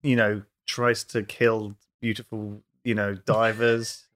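A man's voice: on the low side, level tone, slow pace, fairly bright tone. A man who is a guest on a podcast, teasing and joking in casual chat. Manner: teasing, jokey.

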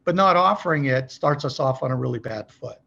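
Gravelly, bright and forceful, his mid-range voice moves with lively intonation at a slightly fast clip through lo-fi sound. As a podcast guest and dealership service trainer, he coaches emphatically, poses rhetorical check questions, and acts out sample calls.

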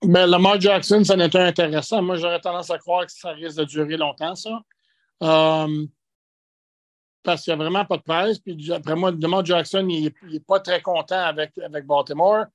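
Quebec man talking football, higher-pitched voice. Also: steady tone, dry recording. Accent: Quebec French. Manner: halting, conversational, with trailing restarts. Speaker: sports analyst and guest. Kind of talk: unscripted football commentary in conversation.

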